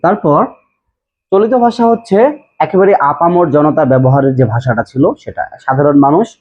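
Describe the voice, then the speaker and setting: Husky-voiced male teacher from bangladesh, slightly high, patient explainer, lo-fi phone-like sound. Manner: explanatory, repeats key terms, checks understanding. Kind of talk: classroom lecture. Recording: tinny phone-like audio.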